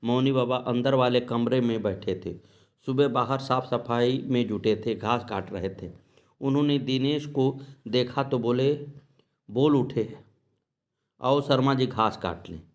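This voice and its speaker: A man's voice: mid-range voice, fairly even intonation. Man narrating devotional tales. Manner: measured reading, soft murmured invocations between episodes. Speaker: devotional storyteller.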